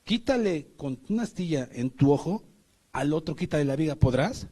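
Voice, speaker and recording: A man's voice: a little high, lively intonation, normal speed, dark tone, husky. A middle-aged man with a Mexican Spanish accent preaching a sermon, emphatic, often asking the congregation rhetorical questions.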